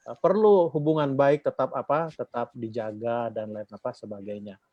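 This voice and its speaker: A Batak man from North Sumatra addresses a church group casually, wandering in his talk, filling it with fillers, and posing questions for the audience to complete. His voice is a little mellow at a normal pace, and the dull, low-fidelity recording is dry with no echo.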